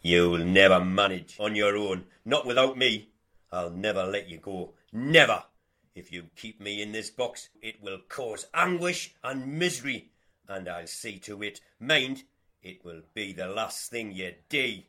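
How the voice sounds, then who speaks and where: A man's voice: fairly low pitch, animated, measured pace, sharp tone. A man playing a controlling, menacing figure who speaks in a possessive, threatening way.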